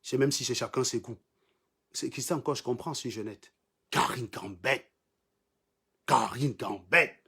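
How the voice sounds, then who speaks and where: A man's voice: mid-range voice, fast, husky. Combative man ranting on a livestream. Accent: Cameroonian French. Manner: mocking, combative, repeats lines for emphasis. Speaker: livestream host. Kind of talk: insulting live-stream rant.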